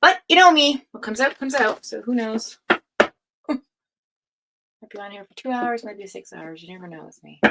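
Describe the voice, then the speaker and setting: A tired woman hosts a casual tarot livestream, chatting with viewers and reading cards aloud, her words slightly slurred because her jaw is sore. Her medium-pitched voice is expressive, with vocal fry and frequent pauses at a normal speed. Heavy background noise runs underneath.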